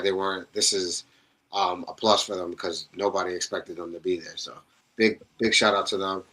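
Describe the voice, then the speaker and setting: A man's voice: lowish voice, fairly bright tone, low-quality recording. A young man co-hosting a sports podcast in casual chat, blunt and profane in his trash talk. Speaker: podcast co-host.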